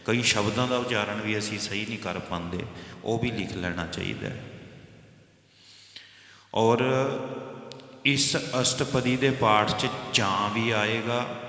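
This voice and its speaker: A man teaching scripture line by line, reciting each verse slowly before patiently explaining its meaning and pronunciation to his listeners. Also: on the low side, bright, forceful tone, echoey room, in a large hall. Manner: slow, drawn-out recitation of verses between explanations; patient, instructive, addresses listeners as brothers and sisters.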